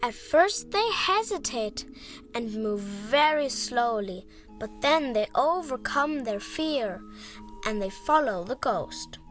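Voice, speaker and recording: A woman narrating an audio-guide story in a measured storybook tone. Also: on the high side, lively intonation, a bit bright, soft background music.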